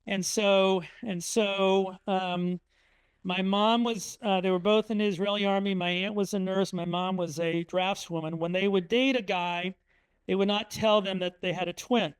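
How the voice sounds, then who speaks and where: Here a middle-aged author from Indiana, USA, delivers a storytelling museum talk with slides, chatting about family with plenty of ums and uhs. His high-pitched voice is clear and resonant, fairly even in intonation at a moderate pace. The recording is dry yet poor in quality.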